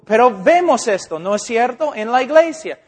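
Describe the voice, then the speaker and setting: A man's voice: extremely high pitch, big pitch swings, normal speed, a little mellow, breathy edge. A man, an English speaker, preaches informally in Spanish, correcting himself and checking that listeners follow. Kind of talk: informal teaching sermon.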